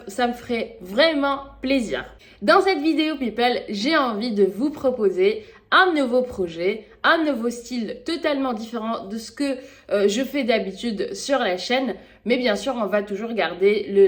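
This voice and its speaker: A Tunisian woman with a Tunisian accent, chatting casually and spontaneously in a podcast vlog, hesitating often and mixing French with Tunisian Arabic. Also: a little high. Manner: switches freely between French and Tunisian Arabic. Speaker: podcast vlogger. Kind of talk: casual chat.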